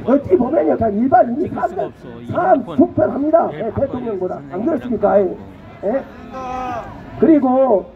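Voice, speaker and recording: Young man, Jeolla dialect, very high voice, fiery rally speech, tinny phone-like sound with faint hiss. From Jeolla, South Korea. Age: young adult. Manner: fiery, keeps prodding the crowd with rhetorical questions and bursts of shouting. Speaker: rally speaker. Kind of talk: impassioned political rally speech.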